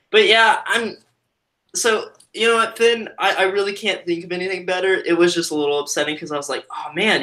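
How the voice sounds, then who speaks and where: A man's voice: fairly high pitch, bright, forceful tone. A man chatting casually as a guest on a live stream, rambling and cutting himself off mid-thought. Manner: rambling, self-interrupting. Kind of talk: casual chat.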